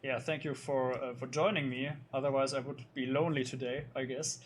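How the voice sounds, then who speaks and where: A man's voice: mid-range voice, fairly even intonation, brisk, a little hiss or hum. A man commentating a sim racing league, loosely going over the results with many fillers and restarts. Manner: loose, hesitant, lots of fillers. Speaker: race commentator.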